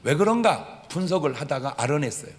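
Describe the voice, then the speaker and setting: A man's voice: fairly high pitch, fairly quick. A middle-aged man with a Chungcheong accent preaching a humorous Sunday sermon, acting out conversations in regional dialects. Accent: Chungcheong Korean. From Chungcheong, Korea. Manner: animated storytelling, acting out dialogue and dialects for laughs. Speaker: pastor. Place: church sanctuary. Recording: reverberant church hall.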